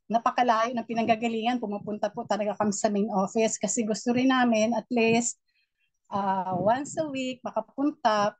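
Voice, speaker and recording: A middle-aged woman mentor giving a motivational training talk, with a naturally loud voice and a preachy, encouraging manner. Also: on the high side, no room sound. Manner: loud voice, warm and preachy, mixing English in. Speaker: network marketing mentor.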